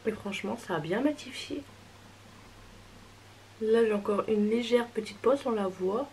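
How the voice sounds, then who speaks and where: A woman's voice: a little high, unhurried, a little mellow, a little hiss or hum, rough recording. A young woman chatting casually as she tests makeup and reviews it, hesitant and reassuring. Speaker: beauty vlogger.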